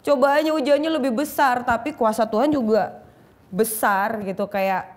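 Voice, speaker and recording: A woman's voice: a little high, normal speed. A young woman, telling a personal testimony in an interview, acting out quotes as she goes. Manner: animated storytelling, acting out quotes with shifting voice. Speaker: guest sharing her testimony. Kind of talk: emotional conversational testimony.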